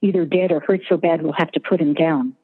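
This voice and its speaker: A woman voicing a steady young male veterinary student raised on a farm, terse and calming, over a tinny line with long reverb. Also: low-pitched, a little fast, breathy edge. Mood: tense.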